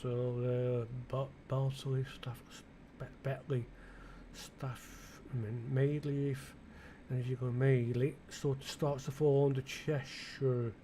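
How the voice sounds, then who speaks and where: A man's voice: medium pitch, level tone, slow pace, warm tone, a little hiss or hum. A British man musing aloud in rambling flight-sim commentary, often asking himself questions and restarting his sentences, with blunt, mildly irreverent asides. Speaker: gaming video creator.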